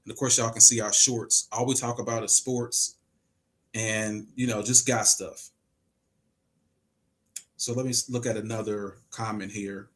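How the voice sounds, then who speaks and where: A man's voice: lowish voice, level tone, unhurried, pauses often, fairly bright tone. A man in his forties hosting a casual livestream podcast, reading comments aloud and arguing his point with emphasis and rhetorical questions. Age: 40s. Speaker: podcast host.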